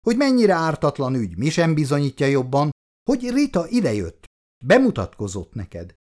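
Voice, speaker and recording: A man's voice: on the high side, huge pitch swings, a little mellow, voice pushed up. A male reader playing a young man who defends himself evasively to his fiancée. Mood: defensive. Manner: defensive, self-justifying.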